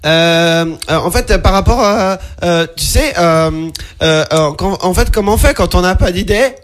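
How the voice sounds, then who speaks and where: A man in an improvised comedy sketch, halting and hesitant, full of fillers. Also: high voice. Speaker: improv performer.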